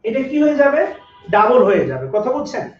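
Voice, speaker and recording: A man with a very high voice teaches grammar in a live online class, going over each rule again and again and asking the students to check in. He sounds set back from the mic in an echoey room, and the audio is dull and lo-fi. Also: sing-song, brisk, distant mic, faint music behind. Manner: repetitive, drills rules and asks students to comment.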